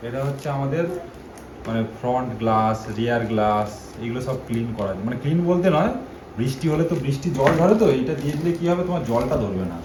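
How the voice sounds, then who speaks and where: A man's voice: medium pitch, fast. A man casually explaining the car care products he bought, hesitant and full of fillers. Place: home indoors. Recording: echoey room with noise.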